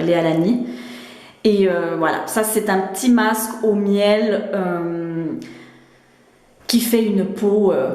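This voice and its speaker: A woman's voice: medium pitch, a little mellow. A woman with a Swiss French accent chatting casually about her skincare masks, with lots of fillers and restarts. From Switzerland. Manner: chatty, many fillers and restarts, laughs often. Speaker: beauty vlogger. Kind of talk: casual product chat. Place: home bathroom. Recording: echoey room.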